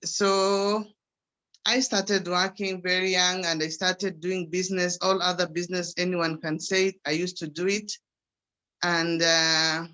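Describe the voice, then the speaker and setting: Bright-voiced Kenyan grandmother. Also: on the low side. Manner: conversational, with frequent restarts. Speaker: guest speaker. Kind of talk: personal testimony on a video call. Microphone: video call.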